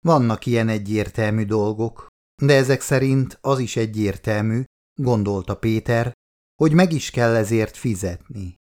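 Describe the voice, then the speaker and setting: A man reading a novel aloud as an audiobook narrator, with expressive, animated delivery. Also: lowish voice.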